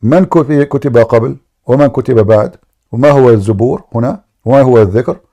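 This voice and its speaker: A man with a medium-pitched, dark voice hosts a combative call-in debate show at a brisk clip. He presses his questions again and again and relays the caller's words to his audience in both English and Arabic.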